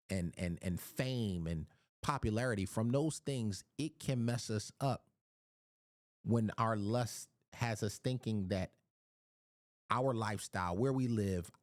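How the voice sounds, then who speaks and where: A man's voice: on the low side, no echo. A man from Philadelphia giving a casual Bible teaching, often repeating words as he searches for his phrasing.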